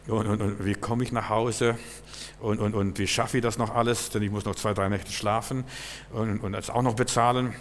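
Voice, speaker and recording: Impassioned preacher in an echoing hall. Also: male voice, fairly low pitch, a little hiss or hum. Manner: impassioned, swings from loud exclamations to quiet storytelling; repeats words and restarts, spontaneous. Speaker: pastor. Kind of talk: sermon.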